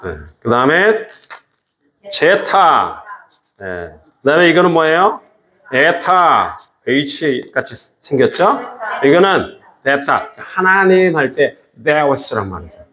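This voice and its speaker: A man teaching a class, patiently repeating each word and joking with students. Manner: slow, lively pitch, drawn-out repetitions. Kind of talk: classroom lesson.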